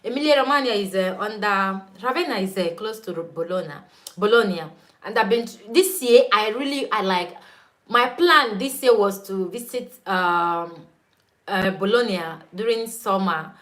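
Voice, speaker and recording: This young Igbo-speaking woman with a Nigerian accent hosts a laid-back YouTube livestream, reading comments aloud, laughing often, and greeting viewers by name. She talks at a moderate pace with a medium pitch, lively intonation, and a fairly bright tone.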